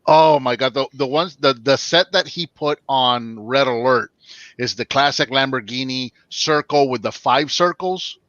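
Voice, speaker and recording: A man's voice: mid-range voice, unhurried, a bit bright, dry recording. A man in his forties chatting bluntly on a livestream over a video call, casually swearing. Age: 40s. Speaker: co-host guest. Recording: dull, dry lo-fi audio.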